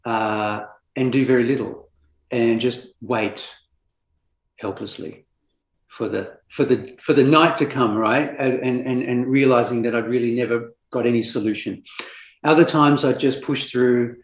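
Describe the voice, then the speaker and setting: A man's voice: mid-range voice, fairly even intonation, a little slow. Man, reflective, repeats words, echoey room, muffled lo-fi sound. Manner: reflective, repeats words when searching for them. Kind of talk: casual chat.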